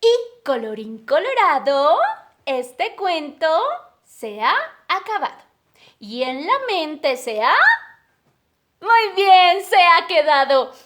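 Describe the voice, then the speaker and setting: A kindergarten teacher reading a story aloud to young children, animated and affectionate, acting out animal sounds. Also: female voice, high voice, slow.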